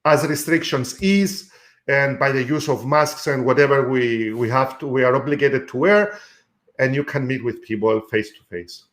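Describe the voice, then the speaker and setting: A man's voice: medium pitch, steady tone, moderate pace, fairly bright tone. A man hosting a live-streamed mentoring show from a room at home, coaching guests on sales in an instructive way with frequent fillers.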